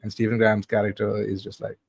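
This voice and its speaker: A man's voice: lowish voice, completely flat delivery, fast, creaky, slightly rough, dry recording. A man in his thirties co-hosting a film podcast, retelling scenes in casual chat with many restarts. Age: 30s. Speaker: podcast co-host.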